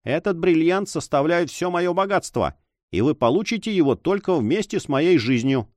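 A man's voice: on the high side, expressive, normal speed, darkish tone, no room sound, voice pushed up, lightly acted. A man doing a proud, frightened major. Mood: indignant. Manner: tense, indignant, then faltering. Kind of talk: audiobook character voice.

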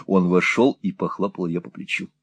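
A man narrating a classic novel as an audiobook, in an expressive storytelling manner. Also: deep voice, normal speed, husky, no echo.

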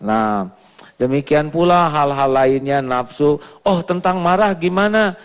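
A man's voice: a little high, animated, a little slow, smooth. Male preacher in a reverberant hall. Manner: asks the audience rhetorical questions. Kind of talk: sermon to a live audience. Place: large hall with an audience.

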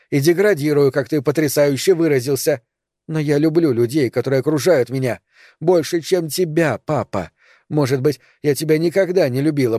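Sarah is a fiery, distraught young woman in an audiobook, as a male reader puts her on. Her voice is pitched up, with a mellow, dark tone in a dry studio sound. She pleads and protests loudly. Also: dry recording, close to an everyday voice. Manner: pleading, raised.

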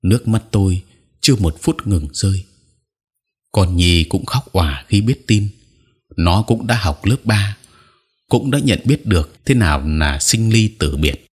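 A man narrating a sad audio story in a slow, sorrowful reading style. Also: fairly low pitch, animated, slightly rough.

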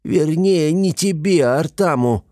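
Gremlun, a squeaky little creature, voiced by a man. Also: dry recording, clean studio sound, close to an everyday voice. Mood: excited. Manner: squeaky, excitable, quick to take offense. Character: small, simple-hearted, touchy male creature sidekick.

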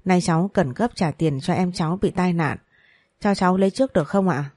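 A woman reading a story voices a desperate young working woman, a daughter urgently but politely pleading because her brother is sick. The voice is natural, mellow, fairly low and brisk, recorded dry and close with no echo.

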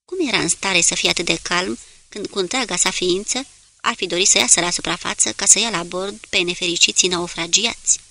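Gravelly bright woman narrator. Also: fairly low pitch. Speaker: audiobook narrator. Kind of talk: scripted narration of a novel.

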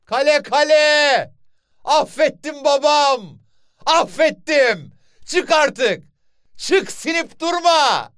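A man's voice: very high voice, expressive, a little slow, no room sound, clean studio sound, pitched above the performer's own voice, full character voice. A man voicing a stubborn village father who pleads and coaxes his hiding son to come out. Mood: coaxing. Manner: pleading, wheedling, then shouting.

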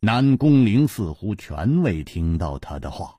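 Husky male storyteller, wildly swinging pitch. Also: very animated, measured pace, dark tone, no echo, studio quality. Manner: dramatic, with wide swings in pitch. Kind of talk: dramatic story narration.

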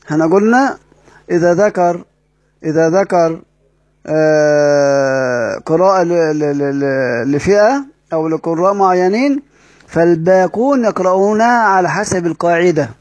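An Egyptian Arabic-accented man explains Quran recitation rules in a classroom style, repeating key phrases and posing questions he then answers himself. His voice is a little high and expressive, with a moderate pace and a darkish tone, on a dry, dull-sounding recording.

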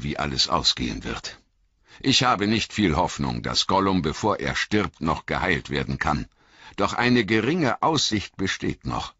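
A man voicing an old, wise male wizard who speaks in a grave, measured way with emphatic repetition, in an audiobook reading. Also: low-pitched, pushed and bright, breathy edge, no echo, heavily acted. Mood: admonishing. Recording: dull lo-fi audiobook recording.

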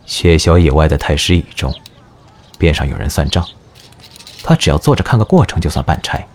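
Deep husky guy narrating an audio drama, lively tone. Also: brisk, slight background noise. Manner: expressive storytelling.

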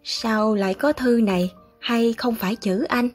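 Reading aloud, a woman performs a calm elderly gentleman whose husky voice is measured and gently wry. Her pitch sits a little high, and faint music plays behind her.

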